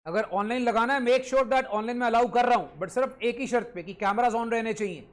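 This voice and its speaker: Brisk and very high-voiced, this man is a commerce teacher lecturing an online class in Hindi with a Punjabi lilt. He repeats his points, quizzes the students, and now and then scolds them.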